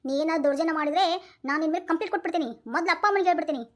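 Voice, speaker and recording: A woman voices a timid young husband in a cartoon, with a North Karnataka lilt. His voice sits high and runs fast, and his complaints come out as whimpers. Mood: whining. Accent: North Karnataka Kannada. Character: meek whiny young husband, doctor. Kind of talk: cartoon voice acting.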